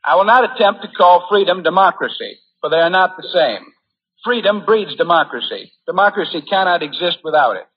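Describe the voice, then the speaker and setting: Animated and a little fast, this American man's high, husky voice comes through a muffled, lo-fi 1940s radio recording. Speaking as a war correspondent, he gives an earnest and formal prepared address.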